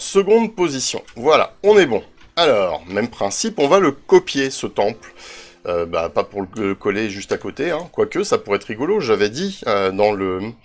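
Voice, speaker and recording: A man hosting a casual game tutorial, thinking aloud as he reads out coordinates, with self-mocking asides and drifting away from his desk mic at times. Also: mid-range voice. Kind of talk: casual screen-recorded tutorial.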